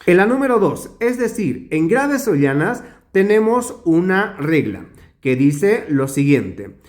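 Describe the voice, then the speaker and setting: A male teacher giving a grammar lesson, slow and emphatic, drawing out words to show where the stress falls. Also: high-pitched, sing-song.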